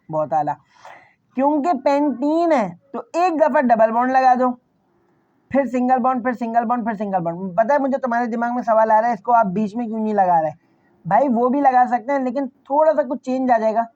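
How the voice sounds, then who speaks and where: A man teaching chemistry in a very high voice with a darkish tone asks his class questions and then answers them himself. Key phrases come up again and again as he addresses students directly. There's no room sound, and the audio is dull.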